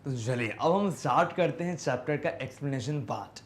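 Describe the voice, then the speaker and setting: A man teaching an English lesson with an Indian accent, explaining patiently, asking and answering his own questions, and reading the English text slowly. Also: medium pitch, expressive, a little hiss or hum.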